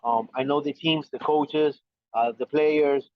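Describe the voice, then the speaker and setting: A man's voice: fairly high pitch, steady tone, unhurried, no echo. Ecuadorian-accented man on a dull call line. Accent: Ecuadorian Spanish. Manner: repeats words, friendly and self-assured. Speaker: soccer correspondent guest. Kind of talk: casual podcast chat.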